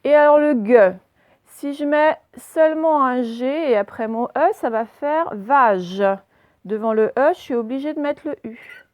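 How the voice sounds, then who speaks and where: A woman's voice: sits high, measured pace, a little mellow, no echo. A woman teacher giving a spelling dictation to young pupils, carefully sounding out each letter and syllable. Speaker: primary school teacher. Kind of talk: dictation lesson for children.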